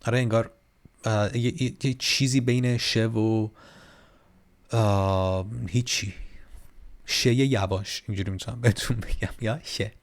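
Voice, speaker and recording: A man teaching a casual online German grammar lesson, lively, and repeating words slowly so learners can copy the pronunciation. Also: on the low side.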